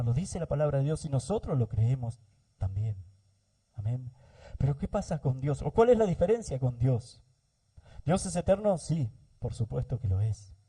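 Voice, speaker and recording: A man preaching a sermon as pastor, explaining slowly with pauses and restarts, often addressing his listeners as brothers and adding amens. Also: fairly high pitch, dark tone, slightly rough.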